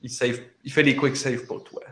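A man's voice: medium pitch, flat delivery, normal speed, pushed and bright. A man with a Quebec French accent, rambling casually through a video game's story with many fillers. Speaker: gamer recounting a video game. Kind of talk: casual chat.

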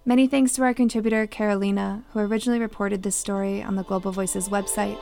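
A woman's voice: mid-range voice, steady tone, fast, creaky, warm tone, no room sound. A woman podcast host reading scripted news narration. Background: faint music.

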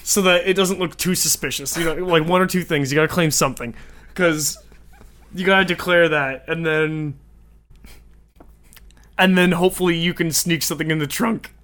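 A man's voice: on the high side, steady tone, moderate pace, long pauses, fairly bright tone. A man from Canada co-hosting a casual podcast, telling stories in a rambling way and laughing often. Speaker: podcast co-host. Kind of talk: casual chat.

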